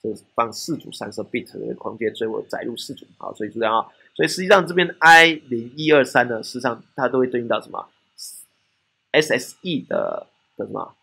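A man's voice: mid-range voice, animated, brisk, gravelly, bright, forceful tone, slightly rough. A man with a Taiwanese Mandarin accent giving a technical classroom lecture, often asking rhetorical questions and checking in with "right?".

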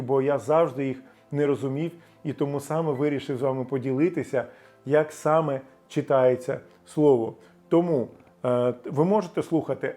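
A man's voice: mid-range voice, mellow. Ukrainian man teaching English sounds. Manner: emphatic, demonstrates English words slowly with stress. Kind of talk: explanatory video lesson.

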